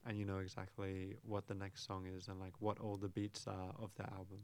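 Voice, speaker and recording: A man's voice: deep voice, monotone, brisk, a little mellow, smooth, no room sound. A young adult man, a musician chatting thoughtfully and at ease as an interview guest, with many fillers. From Australia, grew up in Brisbane. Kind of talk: casual interview chat.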